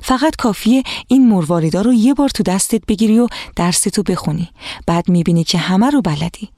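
A storyteller voicing a kind, patient old woman who used to be a teacher, speaking gently with a slightly whispery softness in a children's storybook reading. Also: medium pitch, expressive, no room sound, studio quality. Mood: gentle.

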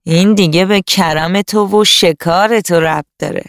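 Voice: mid-range voice, smooth, no echo, studio quality, lightly acted. A storyteller voicing a lazy, whining male jackal who fawns and begs in a children's radio story. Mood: smug. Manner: whining, fawning, drawn-out pleading.

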